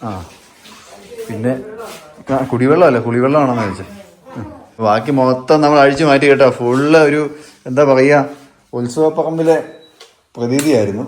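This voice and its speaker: A woman's voice: a bass voice, moderate pace, pauses often, darkish tone. A woman chatting casually in a home vlog, teasing and coaxing small children outdoors and then inside the house. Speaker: family vlogger.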